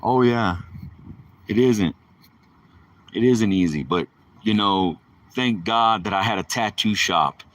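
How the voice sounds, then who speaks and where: A man's voice: on the low side, takes it slowly, long pauses, fairly bright tone, far from the mic. A man livestreaming, telling stories in a casual, rambling way with lots of profanity and street slang. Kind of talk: casual storytelling.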